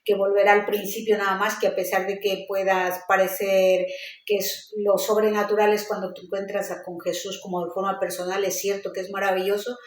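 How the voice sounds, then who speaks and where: A woman's voice: medium pitch, little pitch movement, a little fast. A woman tells her story in a casual interview and brings it to life, taking on the voices of the people she quotes. Her voice sits in the middle range and rings a little in a roomy space. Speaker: interview guest. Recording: roomy echo.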